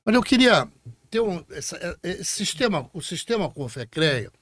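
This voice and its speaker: A man co-hosts with an earnest tone, often stumbling and restarting his sentences. His voice is a little high for a man, and the dry sound places him close to the mic. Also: very animated, moderate pace, fairly bright tone, no echo. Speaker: podcast host. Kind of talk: casual podcast conversation.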